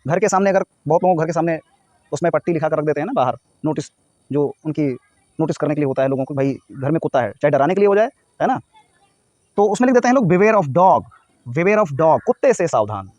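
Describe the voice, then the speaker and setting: A man's voice: fairly high pitch, lively intonation, quick pace, darkish tone, no room sound, lo-fi sound. A man from North India teaching everyday English phrases, explaining each one and spelling words out letter by letter. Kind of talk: spoken English lesson.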